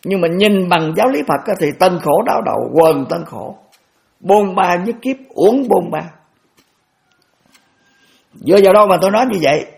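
A man's voice: high voice, lively intonation, moderate pace, creaky, long pauses. Elderly monk repeating his phrases. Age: 80s. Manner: repetitive, stammering restarts, homely examples. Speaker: Buddhist monk teacher. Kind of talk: dharma talk.

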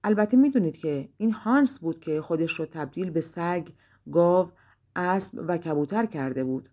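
Low, mellow woman narrating a fairy tale. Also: animated. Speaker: audiobook narrator.

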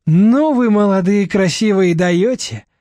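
Storybook landlady, whiny and coy, read by a man, pitched high, close dry mic. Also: unhurried, warm tone, no echo. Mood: coy whining. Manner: whiny, feigned innocence. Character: brash chatty woman flat owner, gap-toothed.

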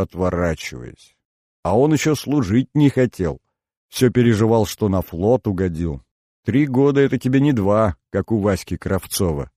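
Man, audiobook narrator, lowish mellow voice, dry close recording. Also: no room sound. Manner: unhurried, lyrical storytelling. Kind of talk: scripted narration.

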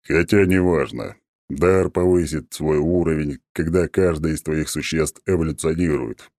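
A man's voice: extremely low pitch, a little slow, a little mellow, dry recording, clean studio sound. A man voicing an arrogant ancient male oak god who talks down in a haughty, mocking way. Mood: smug, haughty.

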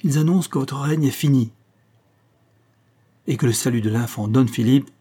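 A man's voice: medium pitch, normal speed, dark tone, slightly rough, close to an everyday voice. A man reading an audiobook, voicing a proud young statesman who speaks coldly and declaims in triumph. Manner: cold, commanding, declamatory.

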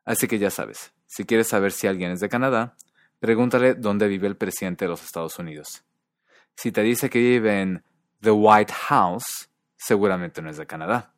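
A man hosting a podcast, explaining pronunciation and acting out sounds with deliberately exaggerated examples. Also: on the low side, no room sound, studio quality. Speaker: podcast host. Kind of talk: explanatory language lesson.

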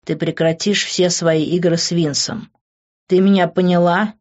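A woman narrator voicing a jealous, possessive young man who speaks in a low, hushed, intense tone. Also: fairly even intonation, a little slow, highs cut off, natural voice. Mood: angry. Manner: low, hushed and intense, often near a whisper.

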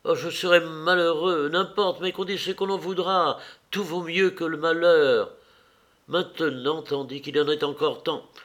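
Brief: male narrator doing a self-doubting young fiancé, halting, slow, strained storybook reading. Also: on the high side, steady tone, a bit bright, pitched above the performer's own voice. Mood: desperate. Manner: desperate, halting, with hesitations. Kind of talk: audiobook character voice.

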